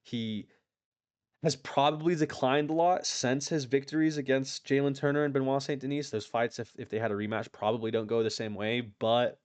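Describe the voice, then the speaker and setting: A man's voice: mid-range voice, fairly even intonation, moderate pace, no echo. A man giving casual, opinionated commentary on fighters, talking in a rambling way with lots of swearing and restarts. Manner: rambling, profane, frequent restarts. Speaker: YouTube MMA commentator.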